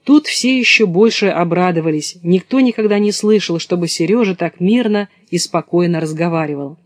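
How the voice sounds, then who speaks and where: A man narrating a children's storybook in a lively storytelling manner. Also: high voice, normal speed, no room sound, clean studio sound. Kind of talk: storybook reading.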